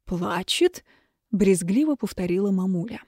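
A woman narrating an audiobook of comic fiction with a lively, expressive reading. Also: mid-range voice, moderate pace, no room sound, studio quality.

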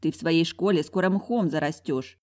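A fashionable young woman friend, loud, breezy and pushy, as a woman reader puts her on. She sits higher than the reader's lowish voice. Heard as a storybook character. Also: moderate pace, close to an everyday voice. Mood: persuading.

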